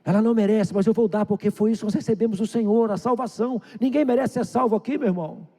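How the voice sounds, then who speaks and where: A Brazilian pastor delivers a sermon in a high, dark-toned male voice. He preaches emphatically, pressing hard in quick bursts and then dropping to a hush, and he puts questions straight to his congregation. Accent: Brazilian Portuguese. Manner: emphatic preaching, swinging between loud urgent bursts and hushed low passages; addresses the congregation directly with questions. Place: church sanctuary.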